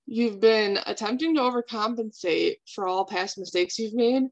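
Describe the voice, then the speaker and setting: A slightly dull, lo-fi recording carries a woman in a counseling role-play. She speaks as a calm therapist at a middling pitch, reflecting back what she hears and gently asking open questions. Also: normal speed.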